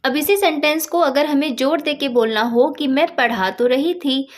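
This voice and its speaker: Woman, English teacher, high voice, patient explanatory lesson, repeats points, stresses helping verbs. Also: moderate pace.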